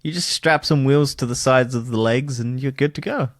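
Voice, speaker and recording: A man's voice: medium pitch, normal speed, no echo, studio quality. A man co-hosting a casual podcast, rambling, swearing and laughing as he goes. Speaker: podcast co-host. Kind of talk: casual chat.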